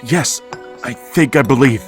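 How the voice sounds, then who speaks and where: In a vintage-style radio drama, an actor plays a grieving middle-aged father who narrates and desperately pleads to reach his dead son. His medium-pitched, natural voice is unhurried, yet his anguished pleas rise into frantic outbursts. Music plays in the background.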